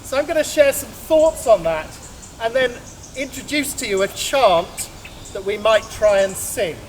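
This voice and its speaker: Over noisy outdoor ambience, a priest with a high, animated voice addresses a gathering a little slowly. His talk is informal and chatty, full of explanation, and he laughs at his own jokes.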